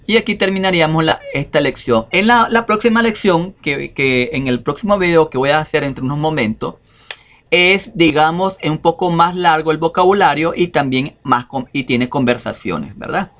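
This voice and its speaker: A man teaching an English lesson in a casual video, speaking slowly and tagging his phrases with questions. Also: a little high, fairly bright tone. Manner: slow, repeats phrases and adds "verdad".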